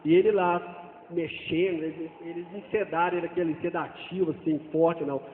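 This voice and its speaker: A man with a fairly high voice gives an earnest personal testimony as a father. He speaks haltingly, stumbling and repeating phrases. The sound is tinny and phone-like, with a long echo from a big hall. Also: fairly even intonation, slight background noise. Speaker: father giving a church testimony.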